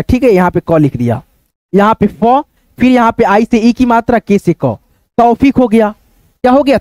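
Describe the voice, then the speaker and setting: High-voiced man teaching spelling step by step. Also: a little mellow, dry recording. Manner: patient, repetitive, addresses viewers as friends. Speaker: English teacher. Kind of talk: online spelling lesson.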